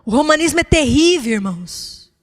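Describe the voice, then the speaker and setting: A woman's voice: sits high, sing-song, moderate pace. A woman pastor, preaching a fervent sermon and calling out to the congregation.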